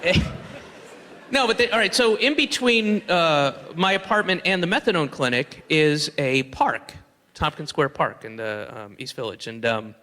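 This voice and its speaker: A man's voice: on the high side, moderate pace, bright, forceful tone, big-room sound. A man doing a rambling stand-up comedy set, slipping in and out of mocking voices.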